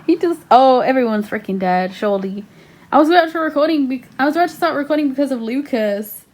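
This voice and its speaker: A woman reacting to a show in casual commentary, excitable and full of slang and swearing. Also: high-pitched, fast talker. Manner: excitable, exclaiming, slangy and profane. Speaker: reaction video host.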